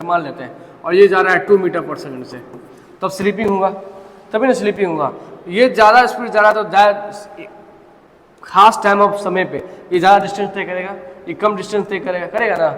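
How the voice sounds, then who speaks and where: A man's voice: high-pitched, moderate pace, fairly bright tone. A man teaching a physics class, mixing in terms and asking his students questions as he works through a problem step by step. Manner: explains step by step, often asks the class questions. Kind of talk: classroom lecture. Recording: reverberant classroom, faint background noise.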